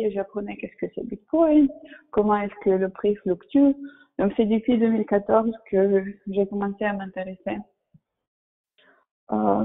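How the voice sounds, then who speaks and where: A creaky, medium-pitched voice comes through phone-quality sound. The speaker, a thirtysomething woman with a Russian accent, gives casual interview answers about work and career in French, a second language for her, often pausing to find words.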